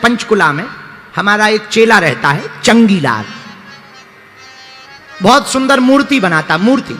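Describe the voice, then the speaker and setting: A man's voice: very high-pitched, sharp tone. A male preacher giving a sermon, telling humorous stories and singing verses. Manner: humorous storytelling, sings verses. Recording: long hall reverb, faint music.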